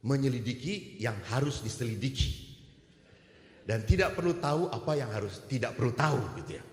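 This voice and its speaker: Animated joking priest in an echoey hall. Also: male voice, mid-range voice, fairly quick. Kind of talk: sermon.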